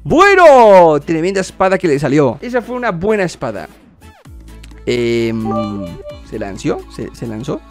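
A man's voice: fairly high pitch, very animated, moderate pace, a little mellow, faint music behind. A young man from hosting a reaction video, exclaiming, repeating words and laughing often. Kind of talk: excited reaction commentary.

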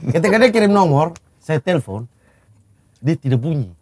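A man telling a story in casual group chat, animated and quick, with frequent restarts. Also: a little high, dry recording. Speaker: podcast co-host telling a story.

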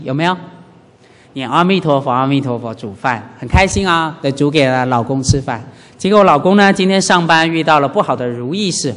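A man, a Buddhist monk, giving a lively dharma lecture and acting out everyday scenes. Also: fairly high pitch. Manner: animated, urges listeners to pay attention, acts out everyday scenes. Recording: reverberant hall.

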